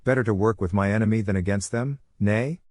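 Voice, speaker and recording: A cocky young pirate prince drawls in a teasing, laid-back voice that sits on the low side, as a man reads him out. The recording is close and dry. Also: a little fast, darkish tone, no room sound, lightly acted.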